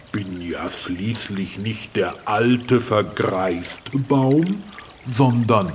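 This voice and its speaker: A man voicing an old, wise talking tree in a children's radio play, slow and chuckling. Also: on the low side, expressive, slight background noise. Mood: kindly, teaching.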